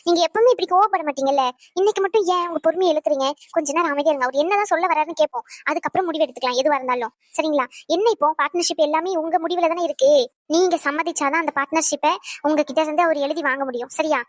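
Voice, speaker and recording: A woman's voice: high-pitched, racing, no room sound, clean studio sound, close to an everyday voice. A woman voicing a young wife in a cartoon, pleading and soothing her angry husband.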